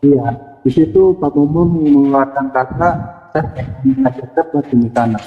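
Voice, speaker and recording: A man calling in, his voice choppy and cutting out, speaking in a hesitant, halting way. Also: mid-range voice, faint music behind. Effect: choppy call audio that keeps cutting out. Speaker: caller. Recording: muffled echoey online call.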